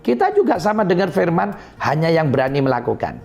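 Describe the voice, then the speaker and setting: A man's voice: on the high side, sing-song, a little fast, vocal fry, a little mellow, soft background music. A male pastor with an East Javanese accent, animatedly retelling a Bible story in a sermon and driving points home with repeated phrases. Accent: East Javanese Indonesian.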